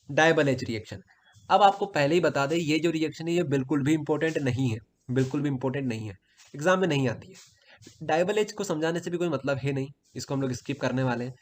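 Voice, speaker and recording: A man from Madhya Pradesh teaching chemistry in a casual exam-prep lesson, repeating key points and asking and answering his own questions. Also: fairly high pitch. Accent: Hindi-speaking Madhya Pradesh.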